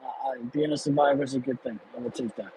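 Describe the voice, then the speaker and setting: Stuck in traffic behind the wheel, a livestream host in his thirties, late thirties to be exact, runs an unplanned broadcast. He talks fast in a medium-pitched, steady voice, speaking casually and candidly as he rambles through fillers and restarts.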